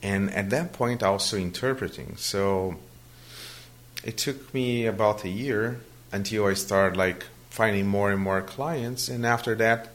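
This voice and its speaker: Unhurried and fairly low-pitched, with a slightly bright tone, a Brazilian man who is a native Portuguese speaker works through interview questions hesitantly, often restarting his sentences and leaning on fillers.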